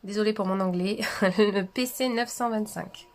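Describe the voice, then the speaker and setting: A woman hosting a casual coloring tutorial livestream, chatty and hesitant with many fillers and soft asides. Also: medium pitch, normal speed.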